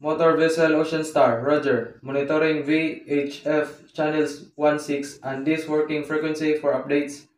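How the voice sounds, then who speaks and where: A man's voice: a little high, flat delivery, normal speed, hardly any pauses, slight background noise, lightly acted. A man playing a coast station radio operator on marine radio, reading back positions in formal radio phrasing. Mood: calm, formal. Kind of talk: marine radio procedure role-play. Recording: roomy echo, voice far from mic.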